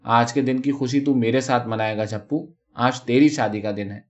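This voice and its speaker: A man voicing a jealous first wife who scolds and shouts in a storybook reading, on a dull lo-fi recording. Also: medium pitch, fairly even intonation, close to an everyday voice. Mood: coaxing. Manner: shouting, quarrelsome.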